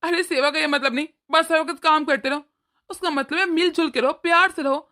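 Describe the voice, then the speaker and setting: A woman doing an older cartoon father-in-law, calm and moralizing, with a high voice that stays bright and forward, patient and fatherly as he talks his wife through what went wrong. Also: fairly quick. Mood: lecturing. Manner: lecturing, gentle moralizing. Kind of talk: cartoon voice acting.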